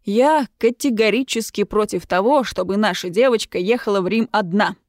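Woman voicing a gruff colonel father, booming and commanding, dry close sound, storybook read. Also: measured pace, darkish tone, no echo, lightly acted. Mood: stern. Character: gruff military father, middle-aged man.

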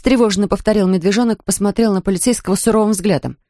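A man narrating a children's story audiobook in a calm, even storytelling manner. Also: high-pitched, fast, no echo, clean studio sound.

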